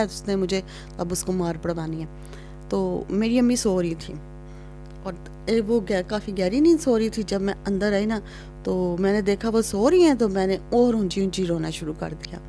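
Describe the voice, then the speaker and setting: A woman from Pakistan telling a childhood story to her channel's viewers in a chatty way, growing lively as she acts out scenes. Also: medium pitch. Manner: chatty, reenacts scenes with rising excitement. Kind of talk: casual storytelling to camera.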